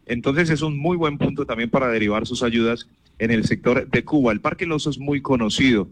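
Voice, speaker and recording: A man reporting live on the radio from an outdoor shelter, brisk and upbeat as he describes the scene and interviews people. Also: mid-range voice, no room sound. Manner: brisk, upbeat on-location delivery. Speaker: field reporter.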